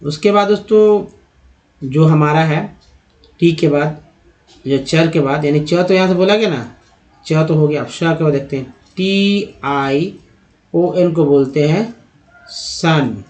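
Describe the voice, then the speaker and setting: A man giving a spoken lesson on English spelling and pronunciation, who keeps asking rhetorical questions and answering them, and who repeats the sounds slowly. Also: a little high, a little mellow. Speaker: English teacher. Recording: dull lo-fi recording.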